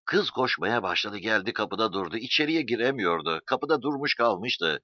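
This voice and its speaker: Expressive male story narrator. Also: fairly low pitch, moderate pace, dry recording. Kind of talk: audiobook narration. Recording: dull dry recording.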